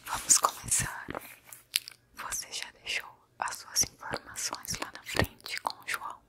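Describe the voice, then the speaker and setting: A young Brazilian woman in a whispered role-play as an attentive ear-cleaning clinician, speaking in an intimate whisper and repeating words softly, close to the microphone. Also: rumbling low, completely flat delivery, a little slow, vocal fry. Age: young adult. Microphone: close recorder microphone.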